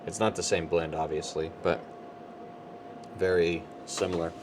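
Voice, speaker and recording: A man's voice: sits low, a little slow. A man talking casually as the co-host of a cigar show. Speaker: co-host, cigar lounge proprietor. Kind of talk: casual chat. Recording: clearly noisy room with steady hum.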